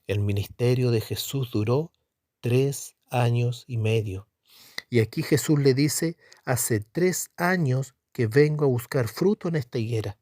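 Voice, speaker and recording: Preaching a Bible teaching sermon, a middle-aged man speaks with emphasis, answering his own questions and returning again and again to "¿no es cierto?" He has a mid-range, darkish voice at a measured pace, captured in clean studio sound without echo.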